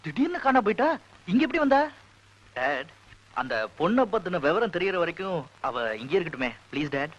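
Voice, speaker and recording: A man's voice: high voice, very animated, a little fast, a bit bright, dull audio, full character voice. A young actor playing an earnest army-captain son who pleads with his father.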